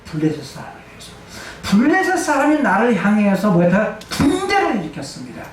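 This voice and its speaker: A man voicing a troubled king who pleads that he is in deep distress. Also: huge pitch swings, fairly quick, a little hiss or hum. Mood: pleading. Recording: echoey church hall, distant mic.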